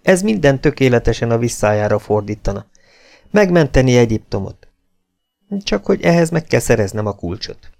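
A man's voice: mid-range voice, sing-song, gravelly, a little mellow. A man reading the part of a tough, wary British army officer in an audiobook, firm and clipped. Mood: determined.

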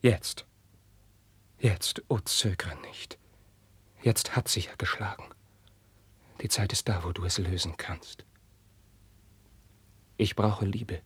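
An anguished young prince. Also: male voice, low voice, steady tone, slow, pauses often, husky, full character voice. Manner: impassioned declamation, swinging to hushed whispers. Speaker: actor in a radio play. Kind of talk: classical verse radio drama.

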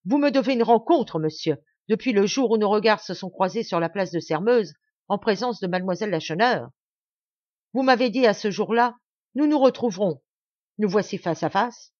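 A woman voicing a fiery, scornful young man who speaks roughly and insultingly, in a dry home recording. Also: mid-range voice, expressive, normal speed, dry recording, lo-fi sound. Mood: enraged. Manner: rough, insulting, furious outbursts.

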